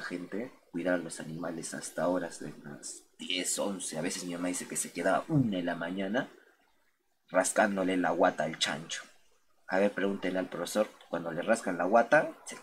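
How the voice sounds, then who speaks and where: A man's voice: low voice, moderate pace, a little hiss or hum. A young man telling stories to his chat on a late-night game stream, rambling, slangy and profane, calling his viewers "gente" over and over.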